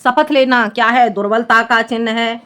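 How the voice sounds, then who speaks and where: A young woman teaching Hindi in a high, bright voice. She goes through a poem in a patient classroom style, explaining every line. She keeps checking with her students that they have followed. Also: fairly even intonation, normal speed.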